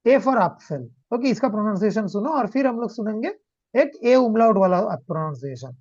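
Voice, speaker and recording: A man's voice: sits high, animated, moderate pace, a little mellow, dry recording. A man teaching a German demo class over a video call, switching between Hindi and English and often checking that the learner understands. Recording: dull lo-fi call audio.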